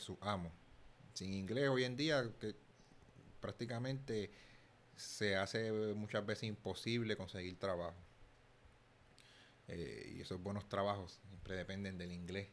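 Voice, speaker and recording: Puerto Rican man musing aloud, low voice. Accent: Puerto Rican Spanish. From Puerto Rico. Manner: thinking aloud, frequent restarts and repeated words. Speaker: channel host. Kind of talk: casual commentary.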